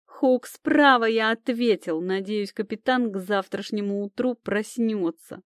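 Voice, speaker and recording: A woman's voice: fairly high pitch, a little slow, a little mellow, dry recording, studio quality, voice pushed up, lightly acted. A woman voicing a proud, hot-tempered adult male elf in a story reading, speaking indignantly with a growl.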